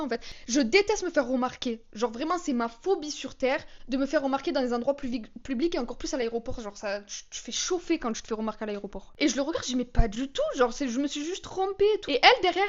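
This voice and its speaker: A young woman vlogger with a high-pitched voice tells storytime anecdotes in a chatty, slangy, dramatic style for a casual vlog. The sound is lo-fi.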